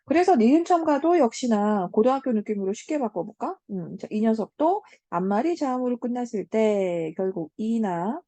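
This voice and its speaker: Lively, warm-voiced woman teaching grammar. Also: on the high side, no room sound. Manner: fills pauses with "자" and "음", asks the class check questions. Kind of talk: online lecture to high school students.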